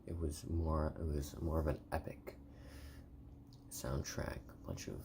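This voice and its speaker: Hushed, very deep-voiced man rambling in ASMR. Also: fairly even intonation, noisy background. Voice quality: hushed, soft, breathy voice slipping into whisper. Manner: rambling, halting, repeats and rephrases himself. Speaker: video reviewer. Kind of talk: soft-spoken ASMR ramble, partly whispered.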